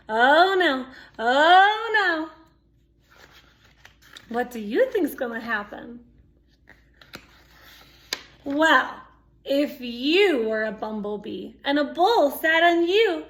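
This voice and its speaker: A storytime reader, a woman with a high voice, reads a picture book aloud to young children slowly and with animation. She adds exclamations, asides and questions for her listeners.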